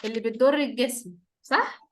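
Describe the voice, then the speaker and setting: A woman's voice: a little high, normal speed, slight background noise. A woman with an Egyptian Arabic accent teaching an online class, talking to small children in simple questions, repeats and coaxing praise. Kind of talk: interactive lesson for small children. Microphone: computer or phone on a video call.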